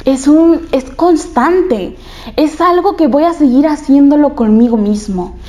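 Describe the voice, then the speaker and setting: A woman's voice: high-pitched, unhurried, warm tone. A young woman, telling a personal story candidly and repeating phrases for emphasis.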